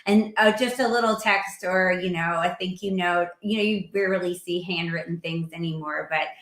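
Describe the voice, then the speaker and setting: A woman hosting a casual interview, chatty and filling pauses with ums. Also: on the low side, a bit bright, echoey room. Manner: chatty, with frequent fillers. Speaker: host.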